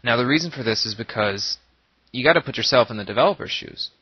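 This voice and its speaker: A YouTube Let's Play creator talks fast and expressively in a casual, unscripted monologue, sounding earnest and reflective. His mid-range voice is slightly rough and a little nasal, as if he's coming down with a cold. The dull lo-fi mic picks him up in a boxy, echoing room.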